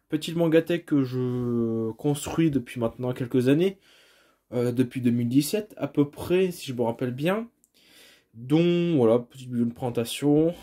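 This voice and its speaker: A man with a medium-pitched, dark-toned voice films his room on a phone held at arm's length, giving a casual home video tour of his manga collection. He talks hesitantly, full of fillers, restarts and self-corrections, apologizing modestly and self-deprecatingly as he goes.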